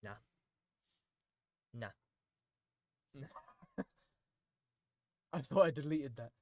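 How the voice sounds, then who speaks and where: A man's voice: mid-range voice, lively intonation, very slow, no room sound. A man giving casual, joking reaction commentary on songs as a streamer, laughing often and rambling with restarts.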